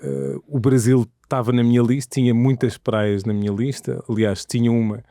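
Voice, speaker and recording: A man's voice: mid-range voice, steady tone, normal speed, dark tone, dry recording, studio quality. A man from Portugal with a European Portuguese accent, speaking reflectively as an interview guest and searching for words. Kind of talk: casual interview.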